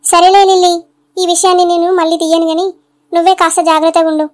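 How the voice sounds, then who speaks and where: A woman voicing a young wife in a cartoon, sharp and easily hurt, with a sulky manner. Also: little pitch movement. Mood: suspicious, placating. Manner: chipmunk-high cartoon voice, rapid and sulky.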